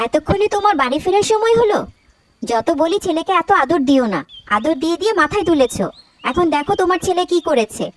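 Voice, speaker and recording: A woman voicing a stern, quick-tempered cartoon mother who scolds sharply. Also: very high voice, lively intonation, no echo. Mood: scolding. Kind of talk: cartoon voice acting.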